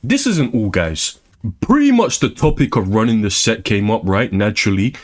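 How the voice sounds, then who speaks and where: A young man ranting in a gaming commentary video, sarcastic and profane, his lines trailing off low at the ends. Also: big pitch swings, normal speed.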